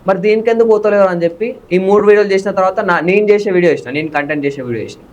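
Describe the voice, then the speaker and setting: A young man, a content creator in a casual interview, talking fast and excitably. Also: high-pitched, lo-fi sound. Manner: fast, excitable, bursts into loud dramatic dialogue delivery. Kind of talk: casual interview with acted film dialogue.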